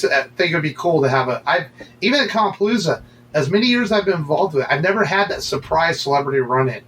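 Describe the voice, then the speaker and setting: A man co-hosts a laid-back podcast, talking in a loose, rambling way with plenty of fillers and false starts. His voice sits at an ordinary middle pitch. A faint hiss of noise runs underneath. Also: a bit bright, low-quality recording. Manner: rambling, many fillers and restarts. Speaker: podcast co-host. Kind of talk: casual podcast chat.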